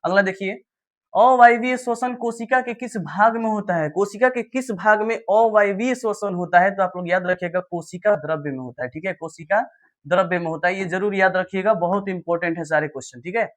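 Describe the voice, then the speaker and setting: A young man teaching an exam revision lesson, quickly reading each question, answering it himself and checking in with "okay" after nearly every point. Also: high-pitched. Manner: rapid question-and-answer drilling with frequent "ठीक है".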